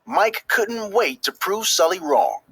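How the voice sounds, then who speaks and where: In a dry recording, a storybook reader takes his time over a scripted children's tale. His voice is fairly high, slightly husky and very animated, and he leans emphatically on key words.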